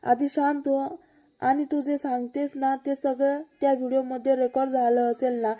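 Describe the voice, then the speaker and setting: A calm, concerned young husband, read out by a woman, gently coaxing and questioning. The voice stays high and even, with a mellow, dark tone. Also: normal speed, natural voice.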